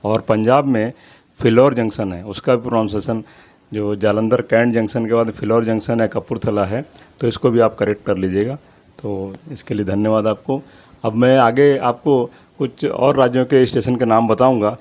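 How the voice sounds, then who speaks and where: A man hosting his own channel, reading out a long list of names in a steady rhythm and apologizing now and then for his pronunciation. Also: fairly low pitch, normal speed. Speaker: channel host. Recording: slightly dull lo-fi audio.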